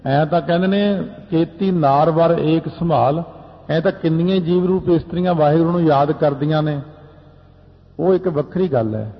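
A man giving a sermon, explaining scripture verses plainly and posing rhetorical questions to the congregation. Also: on the high side. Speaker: Sikh preacher giving scripture exposition. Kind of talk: sermon with chanted scripture lines. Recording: lo-fi with long hall reverb.

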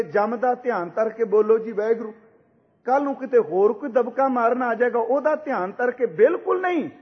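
Man preaching a sikh sermon, really high voice, chants verses slow then pushes hard, long echo, kinda dull muffled sound. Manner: chants scripture verses slowly and preaches with emphatic exhortations. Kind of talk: sermon on scripture.

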